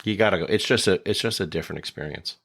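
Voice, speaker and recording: Male podcast host, deep voice, rambling conversational delivery. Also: racing, vocal fry, fairly bright tone, slightly rough. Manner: rambling, full of restarts and "you know". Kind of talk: casual interview chat.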